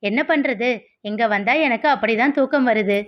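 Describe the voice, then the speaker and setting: A playful young husband teases and banters lazily, read out by a woman narrator in a storybook reading. The voice sits a little high, and the recording sounds dull and lo-fi. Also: normal speed, lightly acted. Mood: teasing. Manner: teasing, lazy banter. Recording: dull lo-fi audio.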